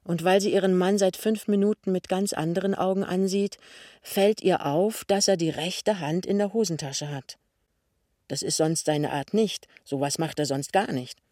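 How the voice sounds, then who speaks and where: Male audiobook reader, calm even narration, dry close studio sound. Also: high voice, moderate pace, dry recording. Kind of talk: scripted narration.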